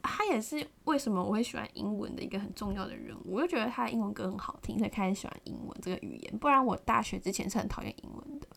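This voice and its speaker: A young woman hosting a podcast, telling a personal story in an animated, casual way, often acting out someone shouting. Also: mid-range voice, very fast, vocal fry, few pauses. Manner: animated, mimics a shouting partner, many fillers. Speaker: podcast host.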